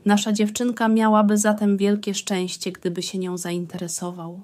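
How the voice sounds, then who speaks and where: A gushing, emphatic countess full of enthusiasm, as a woman reads her in an audiobook. The voice is mellow and darker, and the pitch sits in the middle. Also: little pitch movement, moderate pace, natural voice. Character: effusive, doting aristocratic countess and wife.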